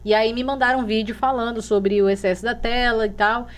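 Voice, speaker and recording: A woman's voice: fairly high pitch, steady tone, brisk. A woman interviewer who is herself a mother, building up to a question in casual chat.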